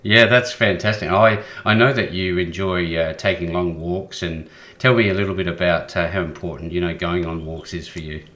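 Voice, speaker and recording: A man hosts a casual interview over a video call, speaking in a fairly low voice. He hesitates often, restarts his sentences and repeats words. He fills his pauses with a stream of filler sounds. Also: steady tone, fairly bright tone. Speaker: show host.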